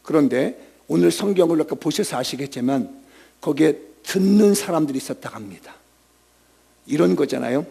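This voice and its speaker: A male pastor preaching a Sunday sermon dramatically, moving between shouted emphasis and hushed lines and putting rhetorical questions to the congregation. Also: a little high, animated, normal speed, vocal fry, breathy edge.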